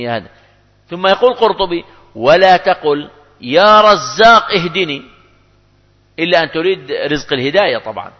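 Male preacher, emphatic lesson delivery; dull lo-fi recording with long hall reverb. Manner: emphatic, rises in pitch and volume when quoting prayers. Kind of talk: religious lesson on supplication.

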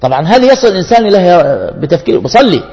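Preacher in a reverberant hall. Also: male voice, sits high, big pitch swings, very fast, darkish tone, lo-fi sound. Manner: earnest, addresses the congregation with rhetorical questions and anecdotes. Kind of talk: sermon.

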